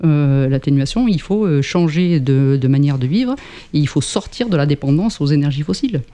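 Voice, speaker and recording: A French-speaking man in his fifties, a member of a climate association, answers interview questions about his climate work hesitantly, full of fillers and restarts. His voice is a little high, expressive and smooth, with a dark tone at normal speed.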